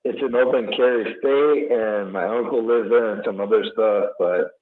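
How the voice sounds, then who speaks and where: A man's voice: on the low side, moderate pace. A man with a West Coast Californian accent talks casually in a group in a lazy, beachy drawl. His voice comes through a narrow, tinny connection like a phone call. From California, United States.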